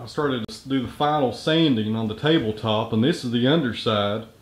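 A laid-back man in his thirties, a woodworker who hosts his own channel, talks casually about his day and his woodworking. His middle-pitched voice is easygoing and plainspoken as he speaks to a handheld camera, first out in the woods and then in a small workshop.

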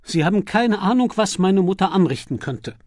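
A man's voice: sits high, animated, moderate pace, darkish tone, no room sound, clean studio sound, voice pushed up. A man voicing an exasperated young English aristocrat who speaks bitterly. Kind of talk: audiobook character voice.

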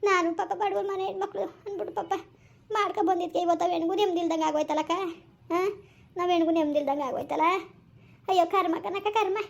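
A woman playing a distraught older village mother in a family drama, wailing and scolding in quick rural speech. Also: very high voice, fairly even intonation, vocal fry. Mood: worried.

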